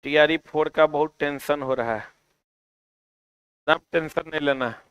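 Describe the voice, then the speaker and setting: Bihari guy teaching a class, teasing n coaxing, bright crisp voice. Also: fairly high pitch, takes it slowly, no echo. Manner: chatty, teasing, coaxing students. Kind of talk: online exam-prep class.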